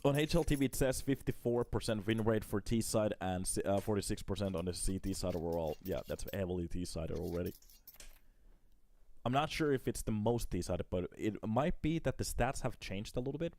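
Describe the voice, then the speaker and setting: A man's voice: on the low side, a little fast, a little mellow. A man doing casual live esports commentary and chatting with his viewers. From Finland. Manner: casual, chatty, talks to chat between plays. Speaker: esports caster.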